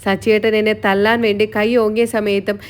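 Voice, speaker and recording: A woman's voice: mid-range voice, level tone, normal speed, natural voice. Brief: playful young wife in a retold serial, teasing her husband, read by a woman narrator.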